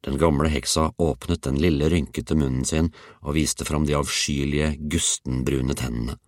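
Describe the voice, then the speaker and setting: A man reading a children's story aloud, with an expressive, playful delivery. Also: extremely low pitch, no room sound, clean studio sound. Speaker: audiobook reader. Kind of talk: storybook narration.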